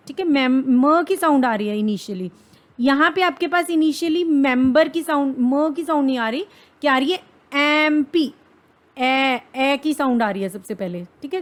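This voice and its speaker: A woman with an Indian accent and a fairly high voice teaches a grammar lesson for exam preparation. She poses questions and answers them herself, blends English phrases into her explanations, and reads English examples carefully.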